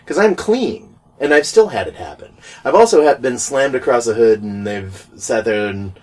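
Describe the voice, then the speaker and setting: A man's voice: medium pitch, normal speed. A man in casual chat, telling a story with lots of laughter and acted-out dialogue. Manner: animated, laughs while telling stories, acts out quoted exchanges.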